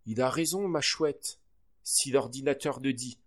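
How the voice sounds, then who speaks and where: A man's voice: medium pitch, expressive, unhurried. A man voicing a timid, sheepish father in a storybook reading. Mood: meek.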